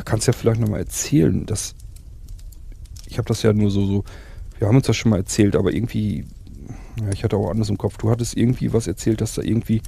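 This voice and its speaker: Gravelly, husky man, low and dark, rambling enthusiastic host for survival role-play. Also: slight background noise. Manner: rambling, enthusiastic, many fillers.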